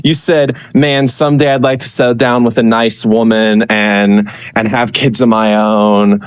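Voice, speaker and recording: A man's voice: medium pitch, little pitch movement, a little slow, clean tone, dry recording. A man talking on his phone outdoors at night, bluntly teasing his friend and swearing a lot. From Florida. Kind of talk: casual podcast chat. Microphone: phone on mobile data.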